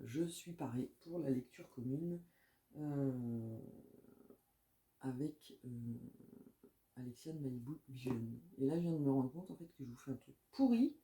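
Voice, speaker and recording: A woman chatting casually about her new books as a book vlogger, often pausing with filler sounds and reading blurbs aloud. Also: rumbling low, dark tone.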